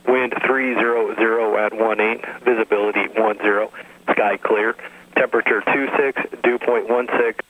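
A man reading a recorded airport weather broadcast heard over aircraft radio, in a measured readout of figures. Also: lowish voice, fairly even intonation, slight background noise. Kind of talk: recorded automated weather and airfield information readout. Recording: tinny narrowband aircraft radio.

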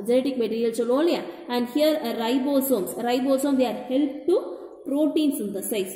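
Female teacher, South Indian Tamil accent, didactic and repetitive, rapid delivery, echoey reverberant room. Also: high voice, dark tone. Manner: didactic, repetitive, asks and answers own questions. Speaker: biology teacher. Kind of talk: school lesson mixing two languages.

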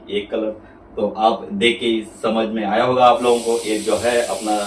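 A man with a Marathi accent presenting magic tricks like a kids party magician, explaining each step simply to the viewers. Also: fairly low pitch. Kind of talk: magic trick demonstration to camera. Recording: roomy echo, distant mic, faint noise.

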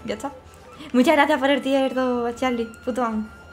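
A woman's voice: sits high, steady tone, normal speed. Spanish-accented woman streaming a game. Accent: Spanish from Spain. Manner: swearing, exclaiming and laughing at the game. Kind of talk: casual gameplay commentary. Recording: faint game music behind.

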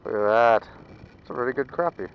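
A man's voice: medium pitch, animated, fairly quick, dull audio, slight background noise. A man, chatting casually to an action camera as he fishes from a small boat on a lake. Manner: chatty, talks to himself while fishing. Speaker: fishing vlogger. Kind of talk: casual fishing vlog. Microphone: action camera mounted on the boat.

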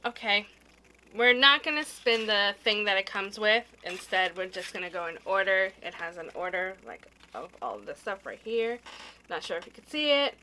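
A woman's voice: medium pitch, sing-song, normal speed, bright, forceful tone, a little hiss or hum, rough recording. A woman co-hosting a casual taste challenge, chatting as she eats jelly beans. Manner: eating jelly beans while talking. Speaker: vlog co-host playing a taste challenge.

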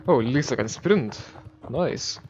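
A man's voice: mid-range voice, expressive, measured pace. A man giving let's play commentary, wry and talking to himself as he plays. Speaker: gamer. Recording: dull lo-fi recording. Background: faint game music.

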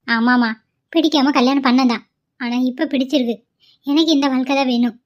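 A woman's voice: sits high, steady tone, fairly quick, lo-fi sound, natural voice. A woman voicing a stubborn, devoted young wife in a cartoon, pleading and insistent. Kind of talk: cartoon voice acting.

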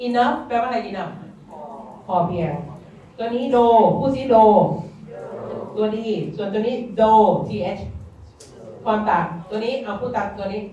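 A woman's voice: medium pitch, a little mellow, a little hiss or hum. A Thai woman teaching English in a classroom, coaxing students to repeat words aloud. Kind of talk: classroom lesson. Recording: distant roomy classroom sound, dull.

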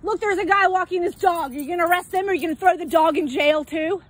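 A mother in an outdoor park yelling defiantly at police, repeating demands to be left alone. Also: very high-pitched, quick pace. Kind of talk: heated street confrontation.

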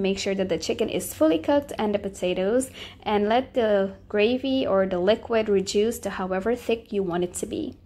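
A woman's voice: medium pitch, darkish tone. Friendly woman narrating a cooking recipe. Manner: friendly step-by-step instructions. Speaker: cooking channel host.

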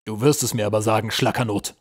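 A man's voice: medium pitch, steady tone, a little fast, darkish tone, no room sound, studio quality, lightly acted. A man voicing a cruel goblin general who interrogates a prisoner in a harsh, threatening, relishing tone. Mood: menacing.

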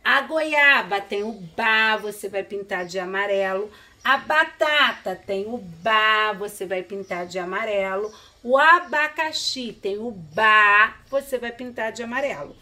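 In an online reading lesson for small children, a primary school teacher speaks in a bright, expressive female voice of medium pitch. Slow and patient, she sounds words out syllable by syllable, coaxing the kids with many a "tá?" and "né?".

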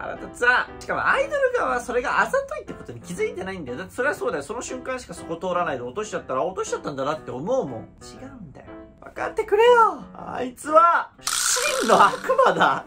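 Young male host, comic rant with high shrieks and wails, very lively pitch, music underneath. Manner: animated and theatrical, with high shrieks and mock wails. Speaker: idol and channel host. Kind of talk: comedic ranting monologue. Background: background music.

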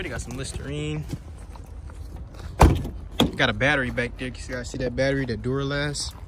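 A man's voice: medium pitch, noisy background. A man giving a loose, chatty walkaround of cars at an outdoor auction lot, talking straight to his viewers as he climbs in and out of cars. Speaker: vlogger touring a car auction lot. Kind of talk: casual walkaround commentary.

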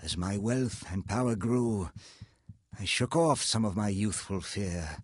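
A man playing a wealthy self-made inventor in a video game, telling his story in a measured, earnest, formal way, proud and regretful. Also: fairly low pitch, lively intonation, husky, no room sound, studio quality. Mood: haunted, bitter. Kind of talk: reading video game dialogue aloud. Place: indoor home streaming setup, close and dry.

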